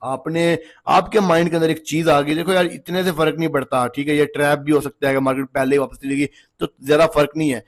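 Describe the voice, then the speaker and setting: A man with a somewhat higher voice than most, sounding a little hoarse after a long day of talking. He explains charts in a loose, conversational way and keeps checking in with the listener. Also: little pitch movement, fast, hardly any pauses. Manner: chatty, repeats checks like "okay ji" and "look". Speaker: trading instructor. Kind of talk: casual screen-walkthrough lesson.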